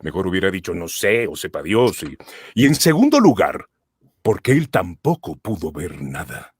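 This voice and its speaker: A man's voice: sits low, huge pitch swings, moderate pace, husky, no echo, clean studio sound. A man narrating a cartoon episode like a storyteller, adding comic asides. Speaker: storyteller, streamer.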